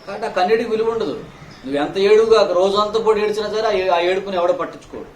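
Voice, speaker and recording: Male pastor, sermon; rapid, rather high voice, hammering rhetorical questions, loud then hushed; echoey church hall. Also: distant mic. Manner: scolding, firing rhetorical questions at listeners; swings between loud outbursts and hushed low phrases. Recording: echoey hall, faint room noise.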